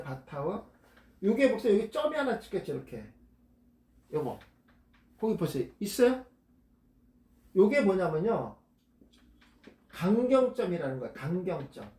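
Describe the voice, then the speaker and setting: Man, Bible study teacher, fairly high voice, echoey room, reads text then explains, repeats words. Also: sing-song, a little slow, pauses often, a little mellow.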